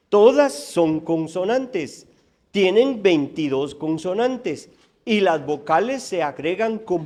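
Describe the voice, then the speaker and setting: A man giving a math lecture to students, asking the room questions and counting numbers out slowly. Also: fairly high pitch, darkish tone. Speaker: math teacher giving a conference talk.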